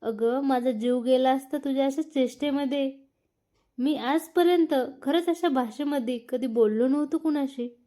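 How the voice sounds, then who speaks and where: Lady doing a playful young husband in a storybook, high mellow voice, teasing. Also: moderate pace, natural voice. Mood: scolding. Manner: playful teasing, later scolding. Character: young husband, teasing then pleading and stern. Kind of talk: storybook narration.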